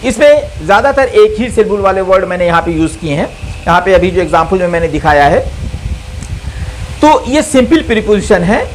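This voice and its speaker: A man giving a recorded grammar lesson as a teacher, who speaks slowly, repeats key terms, and asks and answers his own questions. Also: high voice, sing-song, a little hiss or hum, low-quality recording. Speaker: English teacher.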